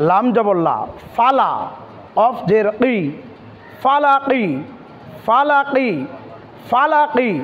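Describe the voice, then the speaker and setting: A man with a Bangladeshi Bengali accent teaching Quran pronunciation step by step, spelling out letters and vowel marks slowly and repeating each syllable. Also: high voice, in a large hall, lo-fi sound, a little hiss or hum.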